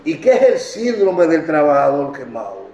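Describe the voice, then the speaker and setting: A man from the Dominican Republic speaks with a Dominican Spanish accent in a fairly high voice, addressing journalists with impassioned stories that come out in rapid bursts. He is heard from a distance, his voice bouncing around an echoey event room. The sound is a bit dull and muffled. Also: big pitch swings, warm tone. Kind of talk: emotional public talk.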